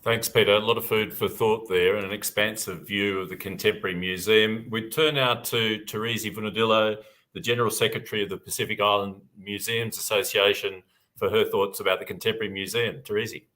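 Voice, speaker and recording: A man's voice: fairly low pitch, steady tone, pushed and bright. A man moderating a webinar, politely thanking one speaker and introducing the next. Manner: brisk, polite handover.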